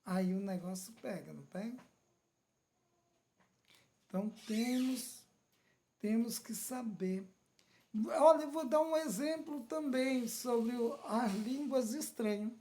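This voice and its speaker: A woman's voice: on the high side, warm tone, slight background noise. A woman with a Brazilian accent preaching a sermon, often checking in with the listener with "amen?" and "right?". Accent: Brazilian Portuguese. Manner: slow, questioning, asks "Amém?" and "né?" often.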